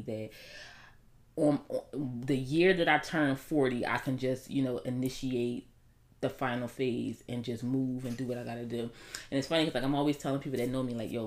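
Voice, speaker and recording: A woman's voice: very deep voice, gravelly. A woman in her thirties talking casually and bluntly to her viewers, slangy and opinionated. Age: 30s. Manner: blunt, opinionated, slangy, animated when making a point. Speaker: vlogger. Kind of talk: casual monologue to camera.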